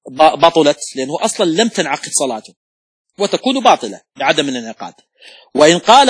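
A sheikh gives a religious law lesson in a husky voice that sits a little higher than most men's. He works step by step through examples and sounds out correct and wrong pronunciations. The recording is dry and close, with no room sound. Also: dry recording. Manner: methodical, explains rules through worked examples and repetition; occasional coughs and throat clearing. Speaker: sheikh teaching Islamic law.

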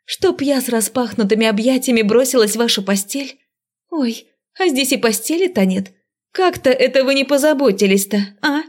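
A woman voicing a fiery, sarcastic young female first-year magic student in an audiobook, talking sharp and defiant. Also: mid-range voice, moderate pace, natural voice. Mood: indignant. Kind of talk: audiobook character voice.

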